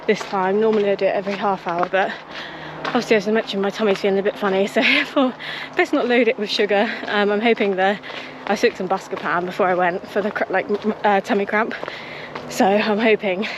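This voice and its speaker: A British woman chatting casually to her vlog while out jogging on outdoor trails. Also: medium pitch. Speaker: running vlogger. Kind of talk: casual vlog chat to camera. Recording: noisy outdoor ambience.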